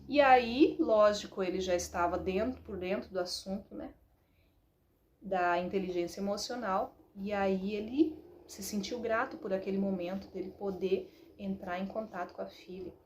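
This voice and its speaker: A woman in her thirties with a Brazilian Portuguese accent, telling stories about parenting in a chatty, animated way that keeps adding "né". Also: mid-range voice, normal speed, a little hiss or hum. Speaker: parenting talk host, mother. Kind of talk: casual storytelling talk.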